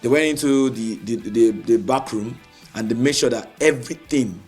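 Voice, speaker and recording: A man, hoarse from screaming, co-hosting an excited sports chat and often repeating himself. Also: mid-range voice, moderate pace, faint music behind. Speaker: podcast co-host.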